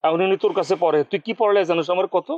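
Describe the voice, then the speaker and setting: A man's voice: sits high, racing, darkish tone, no echo, dull audio, natural voice. A man playing a huffy jealous husband. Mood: outraged. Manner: theatrical ranting, mocking questions. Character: hot-tempered jealous middle-aged husband, bossy.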